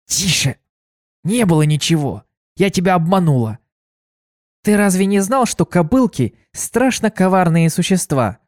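A man's voice: high-pitched, sing-song, a little slow, a little mellow, dry recording, clean studio sound, pitched above the performer's own voice. Man voicing Kuna, a bubbly blue mare. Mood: teasing. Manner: bubbly, teasing, turns menacing. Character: cheerful sly blue female pony, fiercely protective.

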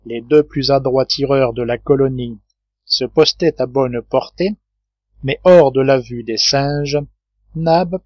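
A man reading a classic novel aloud as an audiobook narrator, in a steady measured manner. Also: medium pitch, no echo. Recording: dull dry lo-fi recording.

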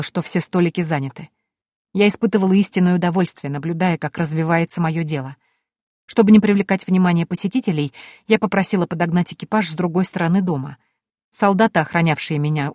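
Low-voiced woman narrating an audiobook. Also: mellow, no room sound, studio quality.

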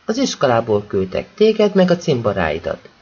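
A man voicing a gentle, fatherly older man with a soft, coaxing way of speaking. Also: medium pitch, huge pitch swings, husky, muffled recording, exaggerated voice.

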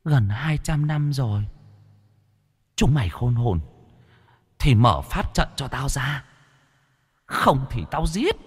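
A man's voice: mid-range voice, very animated, slow pace, long pauses, breathy edge, long reverb tail, voice pushed up, heavily acted. A man voicing a vengeful, centuries-old female ghost who speaks in a thin, threatening hiss. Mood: menacing. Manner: threatening, hissing like wind.

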